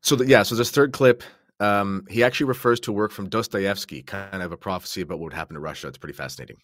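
He's a podcast co-host who talks fast in a low voice with a fairly bright tone. Telling stories and chatting, he sounds casual, informal and somewhat hesitant; the audio is studio quality, with no room sound.

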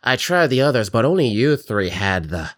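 A man's voice: mid-range voice, big pitch swings, moderate pace, a bit bright. A man voicing a sweet, doting grandmotherly horror, a bloated drowned old woman, in a tabletop game. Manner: sweet, cooing, gloating.

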